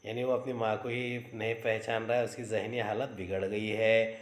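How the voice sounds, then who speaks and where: A man's voice: lowish voice, level tone, moderate pace. A man teaching a school lesson, reading out a play's stage directions and stopping to explain its words. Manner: explanatory, stops to gloss words. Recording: roomy echo.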